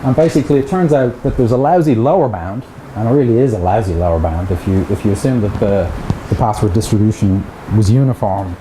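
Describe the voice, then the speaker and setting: The recording is echoey with background noise: a middle-aged lecturer with an Irish accent gives a chatty academic seminar talk with joking asides to his audience. His pitch is fairly low and his pace a little fast, in a seminar room with a projector.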